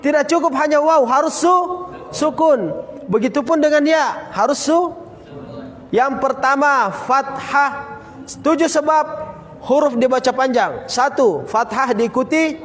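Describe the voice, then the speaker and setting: A man teaching a Quran recitation lesson, drilling students with repeated questions and slowly chanting example words. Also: very high voice, fairly bright tone, big-room sound. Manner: occasional coughs, casual. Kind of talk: classroom tajwid lesson.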